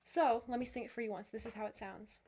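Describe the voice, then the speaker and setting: Upbeat young woman teaching vocal warm-ups. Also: on the high side, fairly even intonation, fast. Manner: upbeat, encouraging, talks to viewers directly; many fillers, restarts and repeats. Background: piano.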